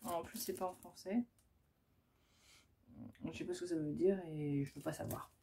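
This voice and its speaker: A woman's voice: fairly low pitch, fairly even intonation, moderate pace, dark tone, a little hiss or hum. A woman chatting casually as she shows off her scrapbooking crafts, hesitant and full of fillers. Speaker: scrapbooking vlogger. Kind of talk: casual show-and-tell.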